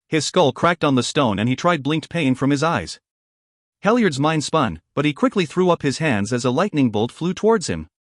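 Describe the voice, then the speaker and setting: A man narrating a fantasy audiobook at a steady, measured pace. His voice sits a little higher than most men's. The sound is dry and close, with no room echo.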